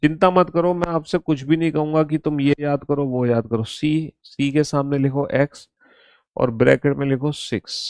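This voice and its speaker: A man teaching an online exam-prep reasoning class, dictating slowly to his students and repeating each instruction. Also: on the high side, fairly even intonation, a little mellow, clear, resonant tone, no echo.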